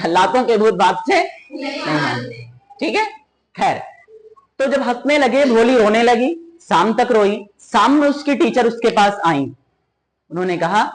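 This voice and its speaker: High-voiced male teacher explaining. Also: low-quality recording. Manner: storytelling with moral asides and questions to students. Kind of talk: classroom lesson explaining a story.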